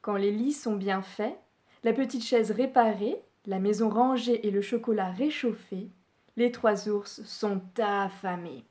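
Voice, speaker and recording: A woman librarian reading a children's story aloud at home, expressive storytelling. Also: medium pitch, measured pace.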